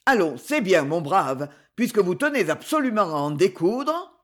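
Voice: mid-range voice, sing-song, normal speed. A reader doing a sneering, haughty duke. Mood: panicked. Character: arrogant scornful nobleman duke, sneering.

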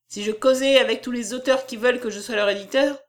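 A woman's voice: a little high, steady tone, fast, pitched above the performer's own voice, close to an everyday voice. A woman voicing a domineering, boastful middle-aged male publisher in an audiobook reading. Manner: boastful, condescending.

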